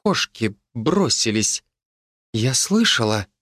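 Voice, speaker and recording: A man's voice: medium pitch, sing-song, slow, a bit bright, no room sound, clean studio sound, heavily acted. A man reading an audiobook, voicing a timid, nervous village healer woman who talks in a flustered, simple-hearted way. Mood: confused. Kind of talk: audiobook character voice.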